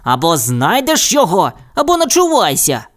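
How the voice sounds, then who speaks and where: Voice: medium pitch, huge pitch swings, normal speed, a bit bright, voice pushed up. A storyteller voicing a greedy, hot-tempered tomcat who talks in a blustering, bossy way. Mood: furious. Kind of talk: storybook character voice.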